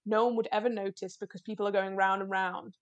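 Speaking quickly in a level, mid-range voice, a woman guest who cycles chats through an interview with a lo-fi sound. She laughs a lot, pokes fun at herself and keeps starting sentences over.

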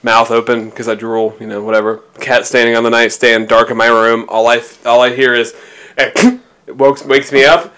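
A man's voice: medium pitch, flat delivery, normal speed, sharp tone, clear, resonant tone. A man co-hosting a podcast, telling a profane story in casual chat. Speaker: podcast co-host. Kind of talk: crude comedy chat.

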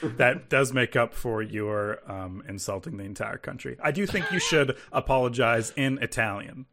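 A man's voice: medium pitch, moderate pace, fairly bright tone. A man co-hosting a casual podcast, teasing the others with dry humor. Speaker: podcast co-host. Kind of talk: casual chat.

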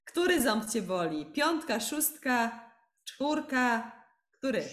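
A woman hosting a language podcast, teaching Polish slowly and clearly and laughing often. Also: on the high side, sing-song, a bit bright, reverberant. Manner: slow, clear teaching delivery with frequent laughs.

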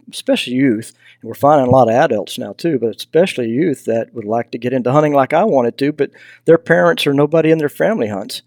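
The voice is medium-pitched and darkish, captured in studio quality with no room sound: an older Southern-accented Texan, a hunting mentor and foundation founder, spinning casual, anecdotal stories as a podcast guest.

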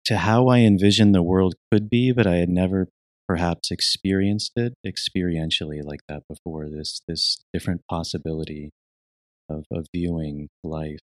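A young man from Virginia being interviewed, answering in a soft, reflective way with many restarts and fillers. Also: low-pitched, fairly even intonation, normal speed, no echo, clean studio sound. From United States (Virginia). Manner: soft-spoken, thoughtful, frequent restarts and fillers. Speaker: interviewee, retreat program teacher.

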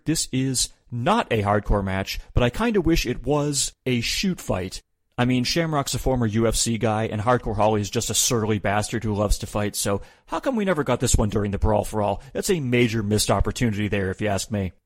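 A man's voice: medium pitch, lively intonation, fairly quick, no room sound. A man hosting a podcast, reading a wry, opinionated recap with the odd swear. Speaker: podcast host. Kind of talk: scripted recap narration.

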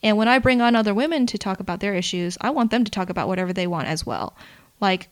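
Woman, podcast host, solo monologue, candid, outspoken, casual fillers. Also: mid-range voice. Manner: candid, outspoken, swears freely; mixes fillers like "you know" and "like" into fast talk.

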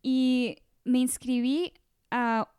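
A woman in her thirties with a fairly high, clean, smooth voice, recorded close and dry. She talks as a podcast guest, chatty and loose, often doubling back mid-sentence. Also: level tone, extremely slow, darkish tone, no room sound. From Costa Rica. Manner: chatty, with frequent restarts and fillers. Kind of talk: casual interview storytelling.

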